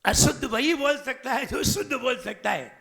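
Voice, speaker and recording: A man's voice: very high voice, moderate pace, gravelly, fairly bright tone. A man with a central Indian Hindi accent, a Jain monk giving a sermon, who emphatically drills his audience on correct pronunciation with repeated questions. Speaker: Jain monk teaching recitation. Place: lecture hall at a training camp.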